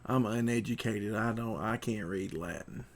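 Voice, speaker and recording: Gravelly man reading the chat. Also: fairly low pitch, normal speed. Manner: reads out chat messages, laid-back. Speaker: livestream host reading chat. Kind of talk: casual joking chat.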